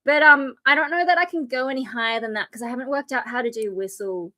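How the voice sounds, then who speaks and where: A tired woman who streams and sings metal chats casually about screaming, explaining loosely with many fillers and breaking into harsh, unvoiced scream demos. Her voice is high, fast and pushed bright, though worn down to fry.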